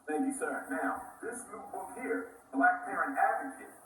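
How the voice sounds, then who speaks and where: A man's voice: high voice, lively intonation, moderate pace, bright, forceful tone. A man speaking as an author presenting his book in an interview. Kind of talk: talk show interview. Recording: distant, very echoey, faint noise.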